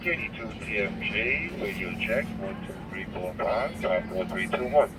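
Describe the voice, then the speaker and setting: A man's voice: fairly low pitch, animated, normal speed, loud music behind the voice. A man, an amateur radio operator, whose own test call plays back over a two-way radio speaker in clipped call cadence. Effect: heard back over a two-way radio speaker. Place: inside a parked vehicle.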